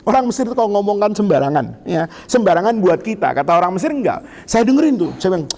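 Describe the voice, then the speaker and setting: A middle-aged Indonesian man giving an Islamic lecture to students in a lively, teasing way, asking them questions. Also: sits high, fast talker. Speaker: Islamic teacher. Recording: long hall reverb.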